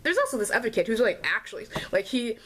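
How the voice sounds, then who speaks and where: Young woman ranting, slightly high voice. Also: sing-song, fast, fairly bright tone, a little hiss or hum. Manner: exasperated, sarcastic, mocks classmates in put-on voices. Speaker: vlogger. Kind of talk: casual storytime rant.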